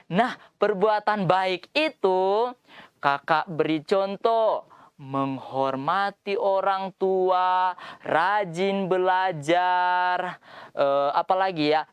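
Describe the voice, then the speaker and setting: A woman's voice: medium pitch, clear, resonant tone, no room sound. A woman hosting a children's Bible lesson, talking to young children in an exaggerated way and often asking them questions. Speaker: children's Bible program host.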